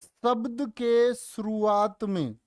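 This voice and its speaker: Slow, coaxing male Hindi teacher. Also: high voice, a little mellow, clear, resonant tone, no room sound, studio quality. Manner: coaxing, calls students dear children and brother; asks the class questions and answers them himself. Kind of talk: live online exam-prep class.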